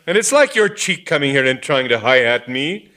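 A man voicing a hot-tempered elderly vicar who squabbles like a schoolboy, in a shrill tone. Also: sing-song, normal speed, sharp tone. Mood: indignant.

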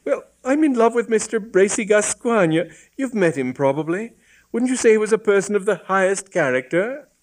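A petulant young woman in love, voiced by a male reader. Her voice is lifted well above the reader's own, cold and complaining. It is loud and lively in its pitch. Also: normal speed.

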